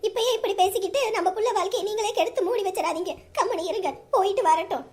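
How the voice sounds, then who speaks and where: A sharp-tongued middle-aged mother, acted by a woman, very high-pitched and quick, scolding and defiant. She fires back at her husband without pausing.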